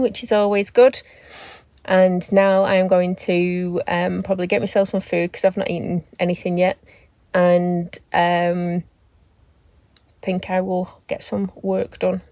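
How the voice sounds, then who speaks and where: A woman's voice: lowish voice, creaky, a little mellow, no room sound. A woman chatting casually in a travel vlog, rambling and self-deprecating. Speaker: vlogger. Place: camper van and outdoors.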